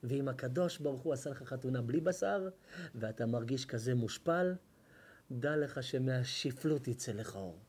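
A man, a rabbi telling a sermon story and acting out its dialogue, swinging between hushed lines and loud bursts. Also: mid-range voice, expressive, husky. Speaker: rabbi giving a Torah lesson. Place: hall at an evening lecture.

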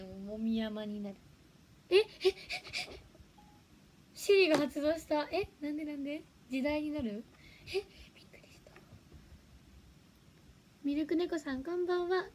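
A woman's voice: high-pitched, darkish tone, a little hiss or hum. A young woman chatting casually on a livestream, giggling and reacting to viewer comments. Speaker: livestream host.

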